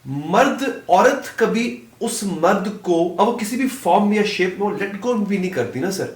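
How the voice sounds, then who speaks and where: A man's voice: high-pitched, expressive. Young male podcast host, agreeable and nodding-along manner, roomy echo. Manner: agreeable, frequent short affirmations. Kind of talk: casual chat.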